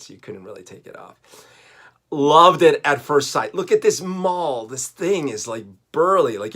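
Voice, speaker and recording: A man in his forties who grew up in Colombia tells a childhood story in a relaxed, rambling way. His voice sits at an ordinary middle pitch. He pokes fun at himself and laughs often as he goes. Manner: chatty, self-mocking, laughs often while talking. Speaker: vlogger. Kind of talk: casual storytelling to camera.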